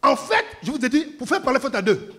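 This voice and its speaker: Pastor preaching, high lively voice, acts stuff out as he tells it. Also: a little fast. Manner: animated storytelling, acts out scenes, laughs along. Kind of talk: sermon.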